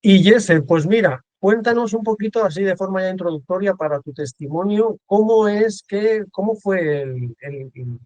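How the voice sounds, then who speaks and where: A man's voice: high-pitched, normal speed, hardly any pauses, no room sound. Chatty man hosting a video call. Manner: warm, repeats words and restarts often. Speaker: host. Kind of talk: casual video-call interview.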